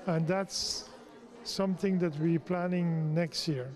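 A middle-aged man from Guyana, a temple president answering interview questions in a measured, explanatory way. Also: fairly high pitch, fairly even intonation, a little mellow.

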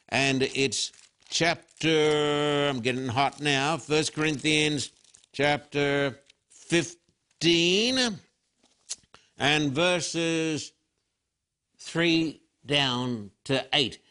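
An older man preaching a sermon as pastor, telling the story with animated storytelling and acted-out quotes. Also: a little high, drawn-out words, pauses often.

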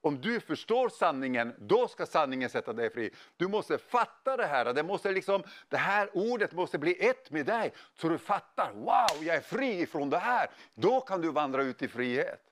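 Lively storytelling male pastor. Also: a little high, few pauses. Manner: animated storyteller, casual slang. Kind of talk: sermon with storytelling.

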